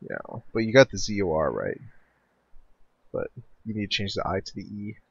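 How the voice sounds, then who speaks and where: A man's voice: lowish voice, sing-song, moderate pace, creaky, breathy edge, dull audio. A man casually commentating a strategy game replay, loose and rambling, swearing now and then.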